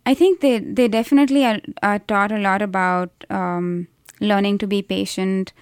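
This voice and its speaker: A woman's voice: mid-range voice, fairly even intonation, moderate pace, smooth, dry recording, studio quality. A woman from India with an Indian accent, giving thoughtful, explanatory answers in a conversational interview. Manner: thoughtful, explanatory, with frequent restarts and hedges. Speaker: interview guest, researcher of call centers.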